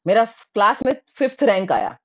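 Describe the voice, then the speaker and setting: A woman from Rajasthan telling her own childhood memories in a lively, animated way, slipping English words into her speech. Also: medium pitch, normal speed, lo-fi sound. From Rajasthan, India. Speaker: storyteller. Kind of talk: personal storytelling.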